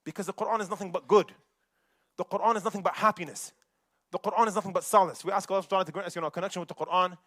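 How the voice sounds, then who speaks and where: A man giving a Friday sermon, animated and quick, mixing Arabic recitation with casual street talk. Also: high voice, dry recording, studio quality. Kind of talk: khutbah sermon. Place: mosque.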